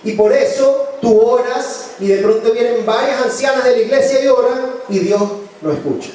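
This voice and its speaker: A man's voice: very high-pitched, moderate pace, a little mellow, distant mic. A man preaching a sermon, telling personal stories earnestly and changing his voice for quoted speech. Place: church hall. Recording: very echoey church from afar, faint noise.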